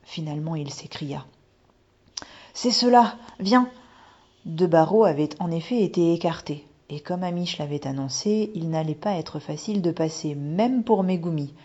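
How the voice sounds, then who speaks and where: A woman narrates a children's story expressively and drops to a hush in the tense moments. Her voice sits on the low side. The recording sounds dull and lo-fi. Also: normal speed, hardly any pauses, slightly rough. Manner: expressive, hushes for suspense. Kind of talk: storybook reading.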